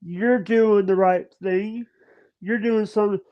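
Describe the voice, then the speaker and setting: A man in his thirties chatting on a livestream video call, talking in halting bursts with many stammers and restarts. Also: high voice, fairly even intonation. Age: 30s. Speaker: livestream guest. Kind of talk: casual chat. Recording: dull lo-fi stream audio.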